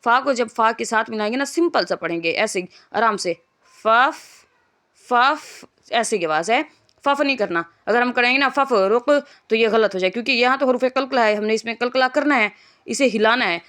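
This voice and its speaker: A woman's voice: fairly high pitch, a bit bright. A woman teaching a Quran reading lesson in speech, drawing out letters and vowel marks one by one, then explaining patiently. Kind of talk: spelling out syllables in a reading lesson.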